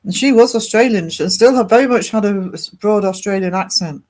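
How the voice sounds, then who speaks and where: Pitched high and a little mellow, this northern English host speaks a bit fast on his livestream. In a British accent he rambles casually, picking up viewer comments and responding to each.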